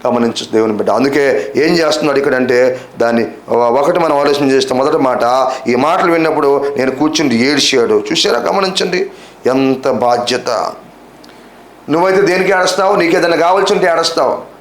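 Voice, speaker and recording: A man preaching a sermon as pastor, firing repeated rhetorical questions at his listeners and slowing down, low and soft, on key words. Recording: echoey room.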